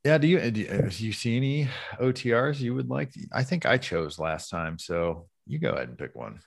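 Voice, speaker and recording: A man's voice: a little fast, vocal fry. A man co-hosting a podcast in casual, profane chat. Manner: laid-back, swears, lively pitch swings. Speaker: podcast co-host.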